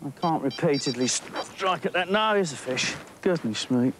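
Here the English angler, middle-aged and enthusiastic, explores the lakeside and fishes while talking to camera, his thoughts coming out with small restarts. His voice sits on the high side with lively intonation and a moderate pace, against a noisy background.

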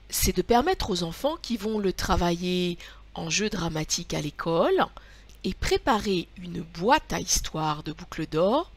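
Slow, expressive woman storyteller. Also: medium pitch. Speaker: schoolteacher. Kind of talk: reading a children's story aloud.

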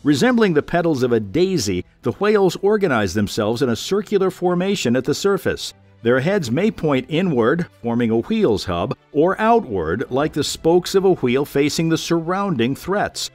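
Animated male nature documentary narrator over music. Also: a little high, normal speed, no room sound. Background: background music.

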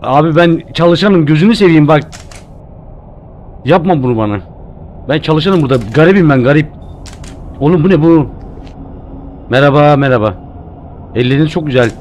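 A man's voice: on the high side, fairly quick, pauses often, darkish tone, slight background noise. A man doing live commentary while playing a horror game, jumpy and joking, cursing at the game. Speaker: streamer.

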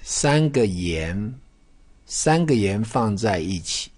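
A man teaching a children's Chinese lesson, drawing out syllables slowly when modelling pronunciation and mixing in English words. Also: on the low side, sing-song, a little mellow, breathy edge. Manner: switches between Mandarin and English words.

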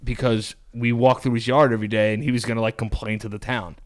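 A man co-hosting a casual podcast, telling stories with lots of swearing and animated delivery. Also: medium pitch, fast. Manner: profane, animated storyteller. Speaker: podcast co-host. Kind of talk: casual chat.

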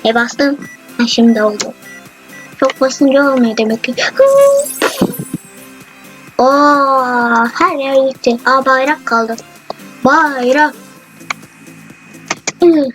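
Woman gamer talking thru her game, lots of excited oohs, high voice. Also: takes it slowly, long pauses, rough recording. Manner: excited exclamations, chatty. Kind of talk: gameplay commentary. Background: faint game music.

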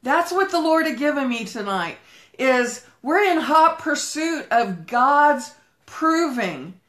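Fervent high-voiced woman preaching. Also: big pitch swings, a bit bright, roomy sound. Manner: fervent, preacherly, breaks into prayer; talks fast while walking. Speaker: pastor teaching a Bible study. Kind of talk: livestreamed sermon teaching.

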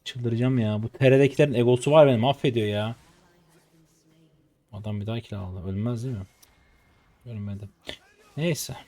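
A man's voice: medium pitch, normal speed, long pauses, mellow. Young male game streamer from Turkey, exasperated live commentary, grumbling with flare-ups. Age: 20s. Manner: exasperated, frustrated muttering and outbursts.

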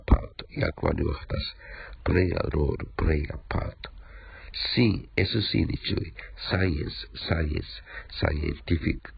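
A man's voice: low voice, vocal fry, slightly rough, no room sound, muffled recording. A man with a Japanese accent teaching an English vocabulary lesson, repeating words and spelling them out letter by letter.

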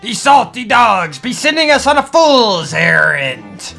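A man's voice: high-pitched, big pitch swings, unhurried, gravelly, bright, forceful tone, soft background music, pitched above the performer's own voice, full character voice. A man voicing a melodramatic, disgraced male pirate in a theatrical mock-pirate delivery. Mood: despairing.

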